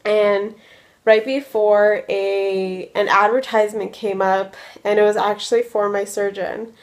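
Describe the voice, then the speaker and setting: An American woman in her early twenties chats casually in a vlog, drowsy from medication and rambling with plenty of "like" and "um." Her mid-range voice holds a fairly even intonation and moves a little slowly.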